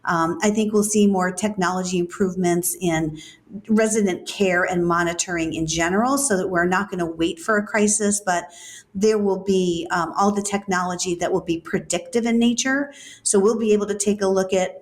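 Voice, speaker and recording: Measured woman speaking as a senior-care expert. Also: lowish voice, steady tone. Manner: thoughtful, measured, with many fillers. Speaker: guest expert on senior living. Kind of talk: interview answers.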